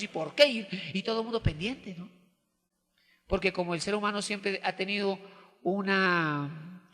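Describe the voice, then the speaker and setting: A man preaching a sermon as pastor, animated and speaking directly to his congregation. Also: extremely high pitch. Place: church hall. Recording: long hall reverb.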